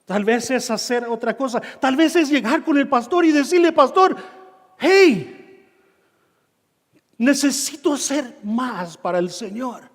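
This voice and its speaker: A man preaching a sermon, telling a personal story and acting out his own shouts and dialogue, in a church hall. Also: extremely high pitch, lively intonation, normal speed, few pauses. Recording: long reverb of a church hall.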